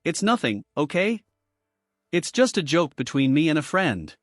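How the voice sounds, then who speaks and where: A man's voice: on the high side, sing-song, measured pace, no echo, clean studio sound, faint music behind. A man reading as a scornful cheating wife. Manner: scornful, eye-rolling, deflecting. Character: defiant dismissive young wife.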